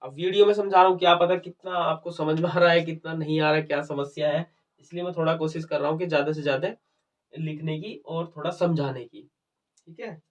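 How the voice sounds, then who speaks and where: A man's voice: fairly high pitch, fairly even intonation, fairly quick, recorded from a distance. A man explaining maths problems step by step in a video lesson, conversational and often checking whether the students follow. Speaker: maths teacher.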